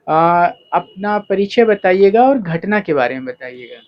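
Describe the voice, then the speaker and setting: A man's voice: high voice, very animated, moderate pace. A man working as a news reporter, conducting a field interview and explaining the story in a formal, explanatory way. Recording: dull lo-fi field recording.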